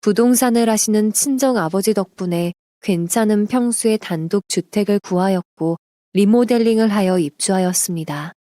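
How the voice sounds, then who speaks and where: A woman narrates a submitted life story in a steady, confiding way. Her voice is mellow and warm, and the recording is dry with no room sound. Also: medium pitch, moderate pace, no room sound.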